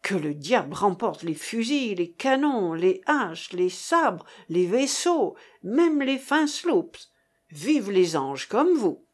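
A woman reading the part of a gruff old male lieutenant, a sailor and soldier who swears and blusters with soldierly bravado. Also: medium pitch, very animated, slow pace. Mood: blustering.

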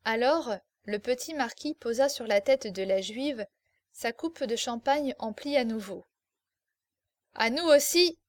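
A woman reads a classic story aloud in a measured, dramatic way. Her voice sits fairly high for a woman. The recording is dry, with no room sound. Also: a little mellow, no room sound. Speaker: narrator. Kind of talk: audiobook reading of classic fiction.

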